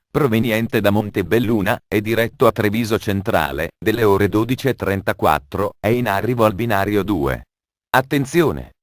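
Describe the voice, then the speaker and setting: Low-voiced man making train station announcements. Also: no echo, studio quality. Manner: formal, measured automated announcement delivery.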